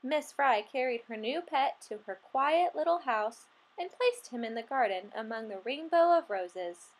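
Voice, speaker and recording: Lady reading a kids' picture book out loud, high voice, slow and super sing-songy. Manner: expressive, acts out animal sounds. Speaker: storybook reader.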